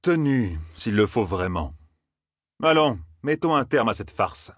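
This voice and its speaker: A man doing a haughty young noble swordsman who speaks grudgingly, in a raised, husky voice. The close, dry storybook reading keeps every sneer clear. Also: mid-range voice, big pitch swings, measured pace, no echo, voice pushed up.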